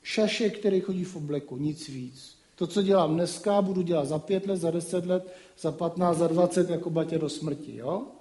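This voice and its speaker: A man's voice: a little high, dark tone. A man giving a casual spoken lecture, talking colloquially with frequent rhetorical asides. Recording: roomy echo.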